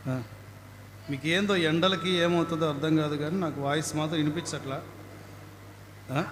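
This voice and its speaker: A man's voice: on the high side, fairly even intonation, moderate pace, a bit bright. A man preaching a sermon to a congregation, calling on them to answer back and breaking into dramatic wailing laments. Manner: exhorting, calls for congregational responses. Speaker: pastor. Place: church hall. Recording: echoey hall with ambient noise.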